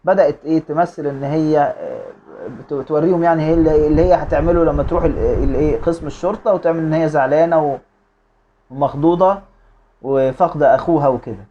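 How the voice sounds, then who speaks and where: A teacher with an Egyptian accent reads an English storybook aloud slowly and explains it quickly, with many hesitations. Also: mid-range voice, mellow, highs cut off. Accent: Egyptian Arabic. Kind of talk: reading a storybook aloud and translating.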